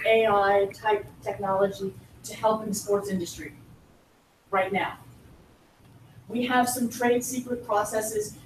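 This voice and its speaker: A woman founder giving a business pitch and walking the audience through a live demo, explaining things step by step. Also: slight background noise. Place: event room at a startup pitch night. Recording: echoey room from far off.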